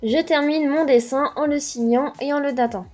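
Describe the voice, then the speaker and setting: A woman's voice: sits high, fairly even intonation, normal speed, a little mellow, soft background music. A young woman hosting a drawing tutorial and chatting through each step in a friendly how-to manner.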